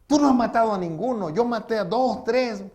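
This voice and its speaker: A male preacher voicing a guilt-haunted former soldier who pleads and shouts in desperation. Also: mid-range voice, animated, measured pace, close to an everyday voice. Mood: anguished shouting.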